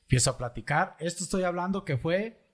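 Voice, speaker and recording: A man's voice: high voice, expressive, fairly quick. A middle-aged man with a Mexican Michoacán accent, hosting a show and telling a personal story in a casual, joking, colloquial way. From La Piedad, Michoacán, Mexico. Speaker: podcast host.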